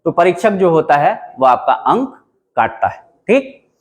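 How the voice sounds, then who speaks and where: A man's voice: a little high, big pitch swings, a little slow. A man teaching a classroom lesson, explaining step by step and repeating points for emphasis, with a Bihari Hindi accent. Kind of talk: classroom lecture. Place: classroom with a writing board.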